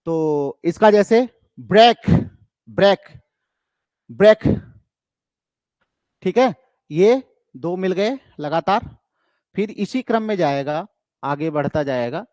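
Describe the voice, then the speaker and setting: An Indian man leads an online exam-prep lecture, his voice sitting a little high for a man. He poses questions and answers them himself, chanting patterns aloud as he goes. The recording is close and dry, with no room sound. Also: animated, takes it slowly, darkish tone, no room sound. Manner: explains step by step, asks and answers his own questions. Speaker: literature teacher.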